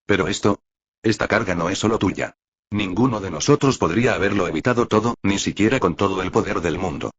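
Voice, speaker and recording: A man's voice: low voice, fairly quick, slightly rough, dull audio. A man voicing a young woman ally in an audiobook, speaking firmly but with empathy. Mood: firm, caring. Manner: firm yet empathetic.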